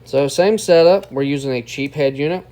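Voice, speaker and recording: Speaking at a moderate pace in a fairly high, warm voice, a car audio reviewer hosts an informal product test and chats with viewers he calls "guys." Noise is clearly audible in the background.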